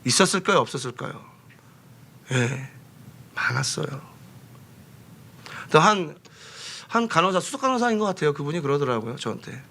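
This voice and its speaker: A man preaching a sermon as pastor, fervent, swinging between loud exclamations and hushed asides. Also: on the high side, sing-song, moderate pace, vocal fry, long pauses. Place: church sanctuary.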